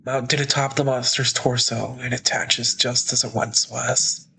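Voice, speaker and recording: A sick man narrating a game aloud as a streamer, reading in a slow, measured way with a raspy, creaky voice. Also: mid-range voice, flat delivery, bright, forceful tone, a little hiss or hum, low-quality recording.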